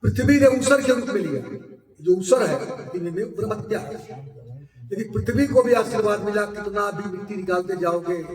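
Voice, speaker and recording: A man telling a scriptural story as a sermon, swelling loud on key words and dropping soft at the ends of phrases. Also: high voice, lively intonation, moderate pace. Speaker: devotional storyteller. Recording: echoey hall, mic far off, faint music.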